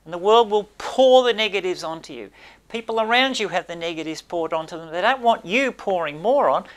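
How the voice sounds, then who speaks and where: An older pastor delivers a sermon in a small church, speaking to a camera. He preaches emphatically and gestures a lot, rising on key words and sinking his voice low at the close of each point. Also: lively intonation, a little fast. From Australia. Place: small indoor church space by a brick wall.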